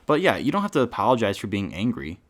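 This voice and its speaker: A man's voice: fairly low pitch, huge pitch swings, fast talker. A man co-hosting a podcast, reading a listener email aloud and then answering it in a laid-back way, full of "dude" and "like". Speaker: podcast co-host.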